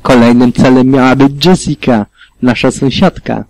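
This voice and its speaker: Bezemocjonalny kucyk-ogier z audiobooka, czytany przez faceta, płasko i sucho. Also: male voice, medium pitch, moderate pace, no echo, natural voice. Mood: cold. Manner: flat, emotionless. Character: despairing young male pony stallion. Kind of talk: audiobook reading.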